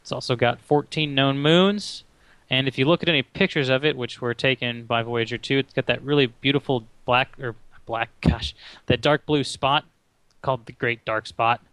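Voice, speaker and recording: Excited guy chatting about space, bright clear voice. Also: mid-range voice, normal speed, dry recording. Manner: enthusiastic, conversational. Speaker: podcast co-host. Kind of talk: casual chat.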